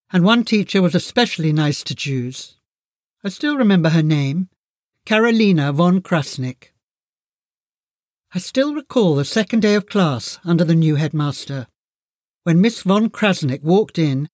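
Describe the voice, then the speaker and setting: A man narrating a first-person memoir in a measured, solemn way. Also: sits high, no room sound, studio quality.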